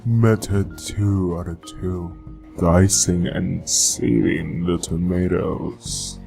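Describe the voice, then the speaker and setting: A muffled, seductive male purr, as a man puts it on, sinking far below an ordinary speaking voice into a deep, gravelly crackle. It creeps along slowly and stays almost level, never lifting or rising. Plucked guitar music plays clearly underneath. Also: fairly even intonation, mellow, heavily acted. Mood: sultry. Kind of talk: scripted how-to reading in a put-on voice.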